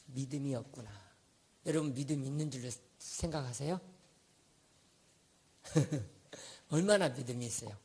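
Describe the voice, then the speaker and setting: A male pastor preaching a sermon, telling a story with lively questions to the congregation. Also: mid-range voice, normal speed, pauses often, slightly rough.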